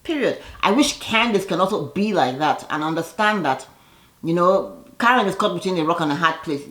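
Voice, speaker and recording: A woman hosts a casual, chatty reality TV recap, sassy and gossipy with slangy asides, acting out quotes along the way. Her voice is lowish, animated, brisk, and fairly bright.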